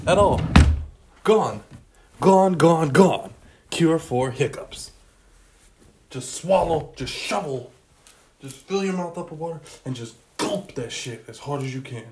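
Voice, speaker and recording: A man's voice: fairly high pitch, animated, moderate pace, darkish tone. A man in casual vlog chat, loose, profane and joking. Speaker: vlogger.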